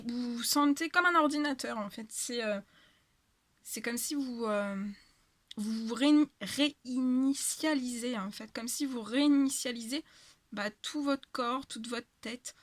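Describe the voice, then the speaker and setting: A woman's voice: a little high, normal speed, fairly bright tone, dry recording. A woman doing a tarot reading in a casual spiritual guidance monologue, talking hesitantly with many fillers and repetitions, her voice tired after long talking. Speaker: tarot reader.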